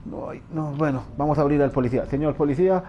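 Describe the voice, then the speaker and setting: A man's voice: on the high side, fairly even intonation, quick pace, lo-fi sound, a little hiss or hum. A man giving frantic let's-play commentary, talking to himself and repeating words. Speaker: gamer.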